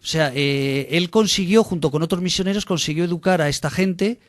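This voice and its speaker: A male radio host who keeps the conversation moving and cuts in to ask the next question. His voice sits slightly high, and the sound is dry with no room echo. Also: a little fast. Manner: lively, interrupting to steer the talk. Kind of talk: radio interview.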